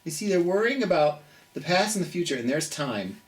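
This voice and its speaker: A middle-aged children's storytime host, with a mid-range voice and big pitch swings, talks and reads gently and dramatically right to young listeners. Drawn-out words add emphasis.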